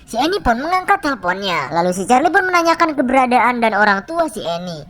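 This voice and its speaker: A woman's voice: fairly high pitch, big pitch swings, a little fast, a bit bright. A woman narrating a film recap in a casual, chatty style with slang asides.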